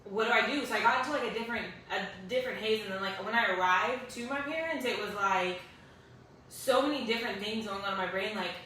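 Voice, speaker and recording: A young woman speaks earnestly and emotionally, her voice bright and forceful. She sits away from the microphone in a very echoey room. Faint hiss runs underneath. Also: medium pitch, quick pace, far from the mic. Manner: earnest, emotional, many fillers. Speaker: guest sharing her story. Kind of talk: emotional personal storytelling.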